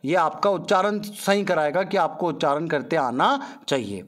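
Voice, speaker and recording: A man's voice: on the high side, lively intonation, fairly bright tone. A man teaching a primary school English lesson, asking questions and then answering them himself. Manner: drawn-out syllables on English words. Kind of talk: explaining a textbook lesson.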